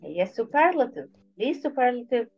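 A woman with an Egyptian Arabic accent teaches an online English class, patient and encouraging as she praises each pupil by name. Her voice sits fairly high. The sound is dull and lo-fi, with faint music underneath. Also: very animated, unhurried. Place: online video lesson.

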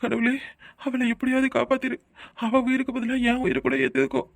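A woman's voice: sits high, level tone, fairly quick, creaky, no room sound. A woman voicing a devoted young husband in a cartoon who begs desperately to save his wife, with a southern Tamil Nadu accent. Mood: anxious pleading. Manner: begging, emotional.

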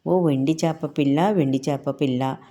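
Woman reader as a helpful frog, kind and calm. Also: sits low, moderate pace. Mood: caring. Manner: caring, reassuring.

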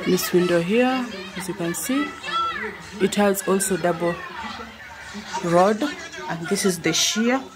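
A woman from Kenya with a Kenyan accent narrates a casual house tour in an unhurried, repetitive way, as if pointing things out. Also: fairly low pitch, a crowd in the background. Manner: unhurried, repeats phrases while pointing things out. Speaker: vlogger. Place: indoors, living room of a family home. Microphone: handheld phone or camera held by the speaker.

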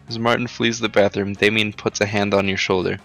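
A man with a low, creaky voice and a forceful edge plays a party game with friends. He reads the on-screen text aloud in a jokey, hammy way, with music behind him. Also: level tone, normal speed. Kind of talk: casual group let's play, reading dialogue aloud.

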